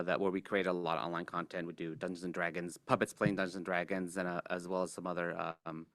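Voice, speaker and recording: A man in his forties from Mexico, a guest puppeteer in a casual interview, talking in a relaxed, hesitant way with many fillers and restarts. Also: sits low, dry recording, clean studio sound.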